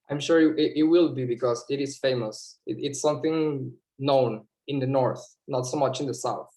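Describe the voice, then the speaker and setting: Man, impromptu answer, hesitant, repeats words, mid pitch. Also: a little slow, warm tone. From Venezuela. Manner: hesitant, repeats words, searches for English terms. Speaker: club member giving an impromptu answer. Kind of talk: impromptu speech on a video call.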